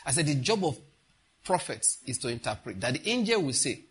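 A man's voice: on the high side, sing-song, brisk, husky. A middle-aged man preaching a sermon as pastor, emphatic, repeating key phrases and putting questions to the congregation.

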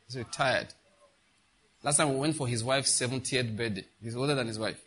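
A man's voice: medium pitch, brisk, a bit bright, breathy edge. A middle-aged man preaching a sermon as pastor, emphatic, repeating key phrases and putting questions to the congregation.

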